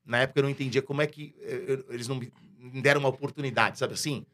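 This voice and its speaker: A Brazilian radio announcer with a Brazilian Portuguese accent tells a story in a casual interview, slangy and lively, acting out the dialogue he recounts. His mid-range voice races along.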